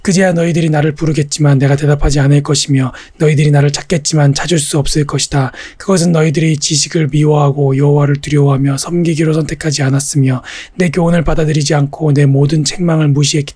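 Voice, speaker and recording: A man reading Bible passages aloud in a steady, scripted recitation. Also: fairly high pitch, slightly rough, no echo. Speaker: Bible reader.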